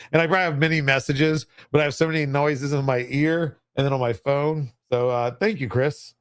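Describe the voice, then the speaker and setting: A man's voice: fairly high pitch, fairly even intonation, moderate pace, clear, resonant tone, dry recording, clean studio sound. A man hosting a livestream giveaway, announcing in a casual, chatty, unpolished and self-deprecating way.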